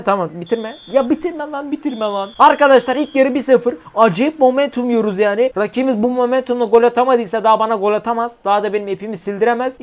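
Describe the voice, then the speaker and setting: A young gaming YouTuber with a high voice commentates his own mobile football match for viewers. He's chatty and slangy, swearing often and shouting at the game.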